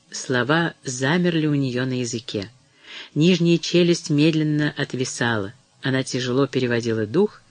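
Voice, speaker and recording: A man narrating an audiobook in a measured, dramatic reading. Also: mid-range voice, dry recording. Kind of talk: scripted narration.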